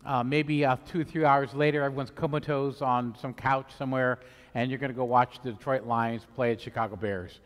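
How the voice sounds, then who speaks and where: A man's voice: medium pitch, steady tone, a little fast. A middle-aged man speaks as a priest at a church service. His voice sits in a medium register and rings with a long cathedral echo. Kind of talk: gospel reading and homily. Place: inside a church. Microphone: headset microphone. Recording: long echoing church reverb.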